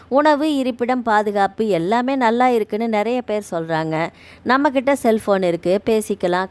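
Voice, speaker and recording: A woman voicing a lonely older woman who is moving into a care home; she speaks softly, resigned and pleading. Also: medium pitch, natural voice.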